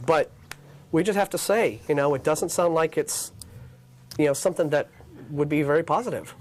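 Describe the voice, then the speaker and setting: American guy hosting a call-in debate, voice a bit high, keeps reasoning and pushing questions. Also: moderate pace, darkish tone. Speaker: host of an atheist call-in show.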